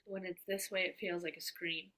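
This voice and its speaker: A woman client in an art therapy session, describing her feelings haltingly and searching for words. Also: fairly low pitch, level tone, fairly bright tone.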